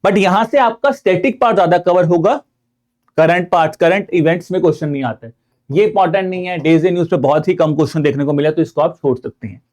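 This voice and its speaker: A man's voice: high-pitched, fast, a little mellow. A man with an Indian accent giving an online exam-preparation lecture, explaining step by step and often calling his viewers friends while mixing in English terms. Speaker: exam prep teacher.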